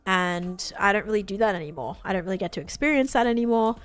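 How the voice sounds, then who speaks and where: A young woman streaming a game live, chatting casually, answering her chat and getting excited over finds. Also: mid-range voice, fast talker, background noise.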